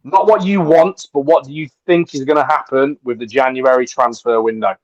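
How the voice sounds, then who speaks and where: A man hosting a fan football podcast. He talks in a relaxed way, passing questions around the panel. His voice comes through a dull, lo-fi, dry recording. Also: mid-range voice, fairly quick, no room sound. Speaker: podcast host. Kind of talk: casual football podcast chat.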